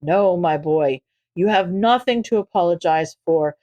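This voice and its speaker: A woman reading aloud and voicing a big, kind older male hero who gently speaks as a fatherly mentor. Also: measured pace, lo-fi sound, lightly acted. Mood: gentle concern. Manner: gentle, low and protective.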